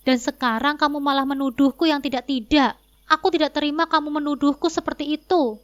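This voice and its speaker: A woman's voice: sits high, fairly even intonation, brisk, close to an everyday voice. A woman voicing a lying husband in a spoken story, pleading his innocence and then turning indignant. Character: lying defensive adult husband, male.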